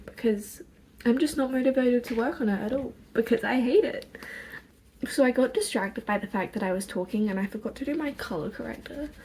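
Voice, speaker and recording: A young woman vlogger chatting casually and quietly, as if not to wake anyone, in a rambling, self-deprecating way. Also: fairly high pitch, a little hiss or hum. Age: young adult. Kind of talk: casual chat while doing makeup. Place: indoors in own room. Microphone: phone propped on a music stand.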